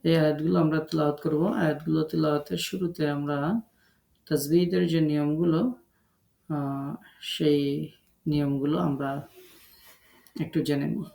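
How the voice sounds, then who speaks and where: A man's voice: fairly high pitch, flat delivery, moderate pace, creaky, pauses often, mellow, reverberant. A man from Bangladesh teaching an online tajweed lesson as a Quran recitation teacher. He breaks words into syllables and draws out the recited sounds.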